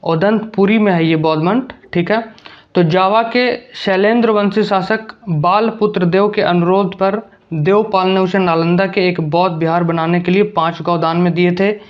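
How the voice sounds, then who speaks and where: High-voiced man teaching exam prep. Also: fairly even intonation, normal speed. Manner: drills points by asking quiz questions and answering them. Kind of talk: Hindi exam-prep lecture. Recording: slightly dull lo-fi audio.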